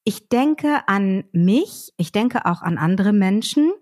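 A woman hosting a podcast conversation, speaking in a thoughtful, measured way while searching for words. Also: mid-range voice, expressive, a little mellow. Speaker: podcast host.

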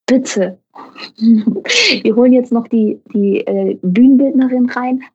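A young adult woman, an actress, telling a lively anecdote and acting out the voices of the people in it. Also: takes it slowly, slightly rough, dull audio. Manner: acts out voices of others in her story, often rising high. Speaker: actress and guest.

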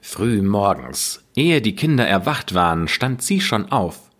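A man narrating a fairy tale in a slow, expressive reading. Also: lowish voice. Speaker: storyteller.

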